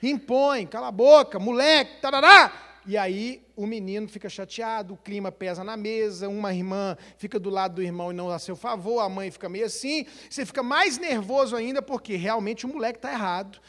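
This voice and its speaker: A man's voice: high voice, a little fast, few pauses. A man from Brazil preaching a sermon as pastor, with a dramatic delivery, acting out family quarrels and asking the congregation questions. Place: church hall. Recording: long hall reverb.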